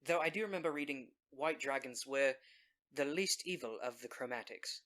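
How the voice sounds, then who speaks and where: A man's voice: mid-range voice, moderate pace, a bit bright. A man playing a tabletop role-playing game, chatting casually and speaking in character.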